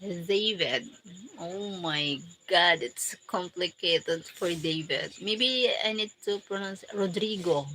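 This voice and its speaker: A woman with a Filipino accent chatting casually on a livestream, reading viewers' names and comments aloud in halting English and laughing often. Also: on the low side, bright, forceful tone, a little hiss or hum, low-quality recording. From Philippines. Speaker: live streamer.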